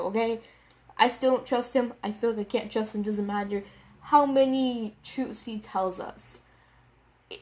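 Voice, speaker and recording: Young woman, excitable manga reviewer; slow, drawn-out delivery, rambling, swears when worked up. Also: mid-range voice. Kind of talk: casual video review.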